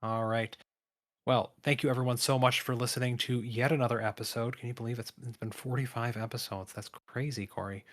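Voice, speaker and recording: A man's voice: mid-range voice, steady tone, a little fast, fairly bright tone. A man co-hosting a board game podcast in casual chat, telling stories and laughing often. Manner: laughing, chatty storytelling. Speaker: podcast co-host.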